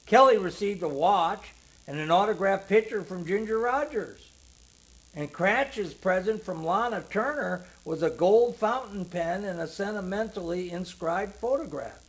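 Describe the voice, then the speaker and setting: An older man narrating a sentimental story in the first person, slow and heartfelt. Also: sits high, expressive, low-quality recording.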